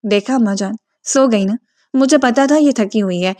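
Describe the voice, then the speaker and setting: Woman reading as a gently teasing mother. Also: a little high, natural voice. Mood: fond. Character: caring middle-aged mother-in-law, teasing.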